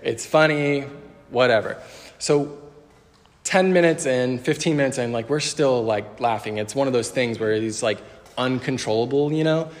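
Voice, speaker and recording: Young preacher in an echoing hall. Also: male voice, medium pitch, normal speed. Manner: casual, many fillers, laughs at own story. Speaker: youth preacher. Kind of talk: sermon with storytelling. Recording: long hall reverb.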